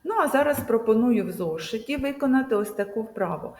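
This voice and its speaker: A woman teacher giving a video lesson to children, speaking slowly and emphatically and drawing out example words. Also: fairly high pitch, lively intonation, darkish tone. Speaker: primary school teacher. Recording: echoey room with long reverb.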